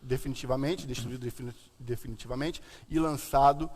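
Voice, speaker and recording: A man's voice: medium pitch, fairly even intonation, a little fast, darkish tone. A Brazilian man with a lisp and slushy s sounds, teaching the Bible informally as a pastor hosting a live stream. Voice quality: lisp from a tied tongue, slushy s. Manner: explanatory, repeatedly checking with "né". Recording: long hall-like reverb.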